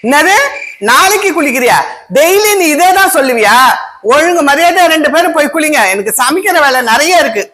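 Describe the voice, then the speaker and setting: A strict, sharp-tongued mother, played by a woman, orders her children about in a home-made comedy skit. Her voice sits very high and carries a bossy, scolding edge. The recording is echoey, with clear background noise in the room. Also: lively intonation, brisk.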